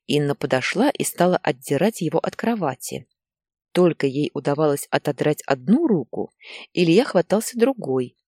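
A woman narrating a story in an even, measured way. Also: sits low, no room sound, clean studio sound. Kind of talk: audiobook narration.

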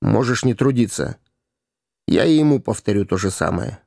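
A man's voice: on the low side, animated, normal speed, vocal fry, a little mellow, no echo, clean studio sound. Man doing a proud, scornful boy king. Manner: curt and cold.

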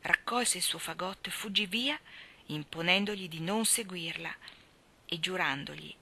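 A woman reading a novel aloud in a measured, expressive way that turns soft on the narration. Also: lowish voice, breathy edge. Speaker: reader.

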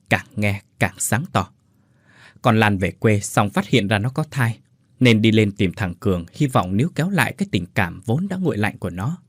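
A man's voice: on the low side, husky, no room sound, studio quality. A man voicing a blunt female factory worker who tells a sad tale and chokes up. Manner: bossy, scolding, then choked up.

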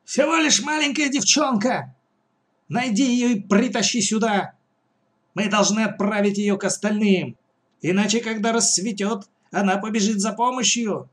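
A man's voice: high voice, big pitch swings, measured pace, a bit bright, voice pushed up, heavily acted. A man voicing a greedy, fierce old woman who leads a band of pirates, in a bossy, mocking way. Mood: commanding.

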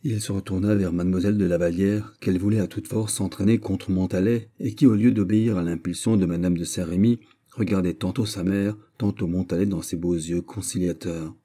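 Male narrator, low pitch, very dark timbre, measured reading of a classic novel. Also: steady tone. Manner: measured, deliberate phrasing. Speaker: audiobook narrator. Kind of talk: scripted audiobook narration.

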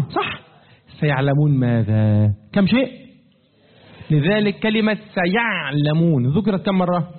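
A man teaching a religious lesson, asking his listeners questions and repeating them, his pitch swinging up and down as he slows to stress key words. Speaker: teacher of Quran commentary. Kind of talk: classroom-style religious lesson. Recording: tinny phone-like lo-fi recording.

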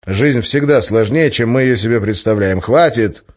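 A man's voice: mid-range voice, expressive, moderate pace, darkish tone, pitched above the performer's own voice, lightly acted. A man playing a weary, fed-up magician. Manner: curt, grumbling, flaring into outbursts. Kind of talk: audiobook character voice. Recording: slightly muffled lo-fi recording.

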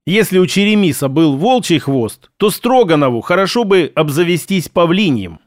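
A man narrates a first-person story in a somewhat high, even voice. The sound is close and dry, with no room around it. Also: moderate pace, no room sound.

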